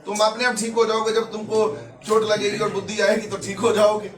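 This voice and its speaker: A man's voice: sits high, completely flat delivery, a little fast, a crowd in the background. A man speaking as a spiritual leader who answers questions at a religious gathering, emphatic and explanatory. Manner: emphatic, preaching, explains terms. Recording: echoey, far from the mic.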